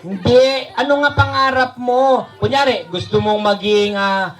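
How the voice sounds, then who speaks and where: A man's voice: very high-pitched, a little slow, a bit bright. A man hosting a live puppet show for kids, teasing his puppet like a playful quizmaster. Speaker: puppeteer host.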